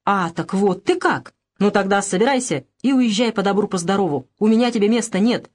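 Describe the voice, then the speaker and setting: A woman voicing an older peasant mother who scolds her daughter in shrill, tearful reproaches, in an audiobook. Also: fairly quick, a little mellow, lightly acted. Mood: scolding. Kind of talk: audiobook character voice.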